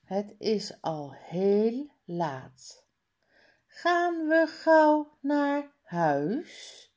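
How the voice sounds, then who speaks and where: A woman's voice: a little high, very animated, drawn-out words, a little mellow, voice pushed up, full character voice. A woman reading aloud, voicing a young girl who scolds her little brother in a matter-of-fact way. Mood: bossy. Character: bossy young girl, the boy's older sister.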